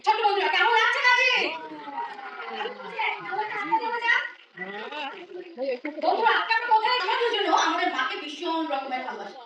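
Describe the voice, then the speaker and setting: A woman's voice: very high-pitched, expressive, a little fast, pauses often. A woman hosting a live children's event, rallying the young audience with questions and calls for applause. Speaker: children's show host. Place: live fair stage with audience. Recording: echoey hall, distant PA, audience noise.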